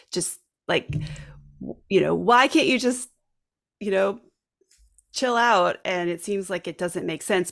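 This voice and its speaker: Low-voiced woman podcast host, gravelly. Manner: warm, reflective, frequent affirming murmurs. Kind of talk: conversational interview.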